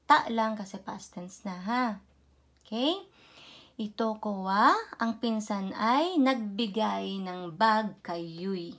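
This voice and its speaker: A woman teaching a casual online Japanese lesson, animated and often checking in with quick tag questions. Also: mid-range voice. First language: Tagalog.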